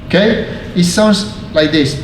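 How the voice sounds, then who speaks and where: A young man from Argentina and Denmark gives a casual, friendly talk to an audience in a museum hall. His voice sits a bit high and he speaks easily, with fillers. The room is echoey and there is a faint hum behind him. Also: unhurried. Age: young adult. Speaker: museum intern presenting a talk. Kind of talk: informal public presentation.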